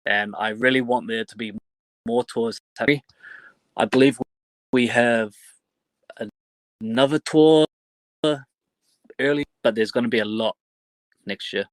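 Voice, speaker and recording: Slow, halting man in casual interview. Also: medium pitch, dry recording, low-quality recording. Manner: halting, fragmented phrasing, some casual swearing. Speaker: professional wrestler being interviewed.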